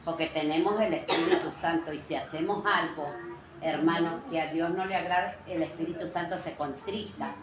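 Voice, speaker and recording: A woman in the congregation chips in with affirming remarks during the sermon. Her voice sits very low for a woman. The room is echoey, and clear background noise hangs around her. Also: fairly even intonation, moderate pace. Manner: affirming, interjects amens. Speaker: congregation member.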